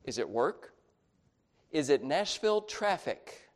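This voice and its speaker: A middle-aged man preaching a sermon in a conversational, storytelling way, with halting restarts and a voice that drops quiet when he turns confessional. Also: on the high side, sing-song. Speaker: pastor.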